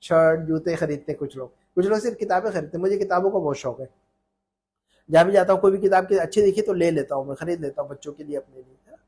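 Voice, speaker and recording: Male Arabic tutor, high husky voice, patient and repetitive. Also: fast, a little mellow. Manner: explains patiently, repeats points, often asks "है ना?". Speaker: Arabic teacher. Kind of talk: informal online Arabic lesson.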